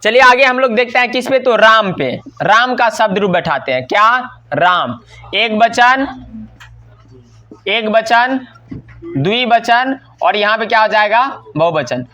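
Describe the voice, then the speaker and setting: A man teaching Sanskrit grammar in a class, quizzing his students with "what will it become?" and then giving the answer himself, slowing right down to draw out each word form. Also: sits high, expressive, pushed and bright, a little hiss or hum. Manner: drills by asking and answering his own questions; slows down and stretches words while reciting forms.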